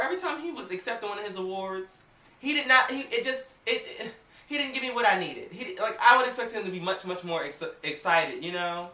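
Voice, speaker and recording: Sassy, animated woman vlogging in a roomy space. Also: mid-range voice, distant mic. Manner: sassy, animated and gossipy, acts out quotes. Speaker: vlogger reviewing an awards show. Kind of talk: casual chatty review. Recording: roomy, off-mic home recording.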